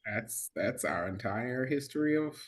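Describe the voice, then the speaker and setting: A woman from Texas co-hosting a casual political chat, sarcastic and emphatic, quick with a joke. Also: very deep voice, lively intonation. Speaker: podcast co-host.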